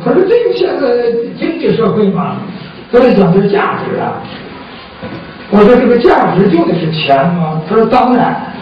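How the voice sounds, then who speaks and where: A man's voice: high voice, sing-song, normal speed, soft background music. A man performing as a traditional Chinese pingshu storyteller, talking conversationally to listeners with rhetorical questions and acted-out exchanges. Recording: roomy echoing hall, distant mic, dull sound, faint noise.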